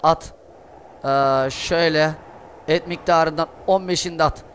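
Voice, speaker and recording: A young man doing Let's Play commentary, excitable, cursing and shouting at the game. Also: fairly high pitch, unhurried. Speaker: gaming streamer. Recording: noisy gameplay audio behind voice. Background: game sounds and ambience.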